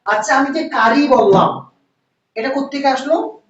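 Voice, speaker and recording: A woman giving a classroom lecture on Arabic grammar, slowly repeating words and asking her students questions. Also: high voice, slight background noise. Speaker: Quran teacher. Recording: roomy, dull, distant mic.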